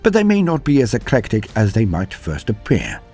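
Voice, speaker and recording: Deep and husky, with lively pitch swings and a slightly fast pace, a male lore channel host delivers scripted narration in a theatrical, florid manner. He adds chatty, self-deprecating asides while music plays underneath.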